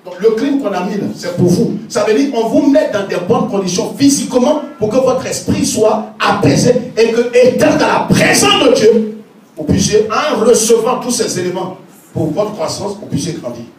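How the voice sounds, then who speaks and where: Male pastor, high voice, animated sermon style; distant mic, heavy church echo. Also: moderate pace. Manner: animated preaching, acting out quoted church members. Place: church hall. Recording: very echoey hall, distant mic, faint noise.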